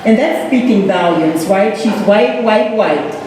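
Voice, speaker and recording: A woman's voice: medium pitch, a little slow, a little mellow, a little hiss or hum. Upbeat woman moderating in an echoey hall. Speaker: panel moderator. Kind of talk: community panel discussion. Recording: echoey hall, room mic.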